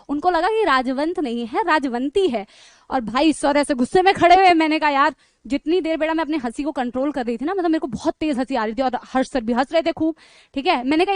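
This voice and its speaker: A woman teacher telling her students a funny story in a chatty, animated way. She keeps checking in with them and laughs as she goes. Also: high-pitched, a little fast, dry recording. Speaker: online teacher.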